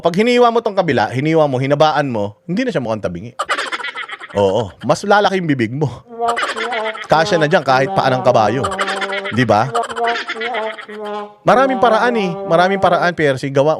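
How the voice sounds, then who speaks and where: Loud mocking man ranting. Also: mid-range voice, animated, brisk, over a noisy crowd. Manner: crude, mocking, jokey, switches into voices for anecdotes. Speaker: host of a political commentary livestream. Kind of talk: casual ranting commentary.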